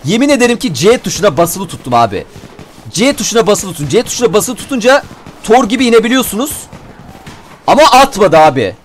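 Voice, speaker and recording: A young man commenting on his gameplay, animated and swearing, talking straight to the enemies. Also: high-pitched, brisk, a little hiss or hum. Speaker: gameplay streamer.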